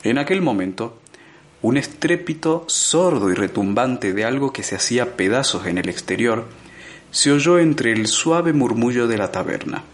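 A man narrating an audiobook in a measured, expressive storytelling manner. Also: medium pitch. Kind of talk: scripted narration.

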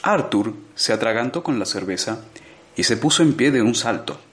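A man narrating an audiobook in a measured, expressive storytelling manner. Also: mid-range voice. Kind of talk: scripted narration.

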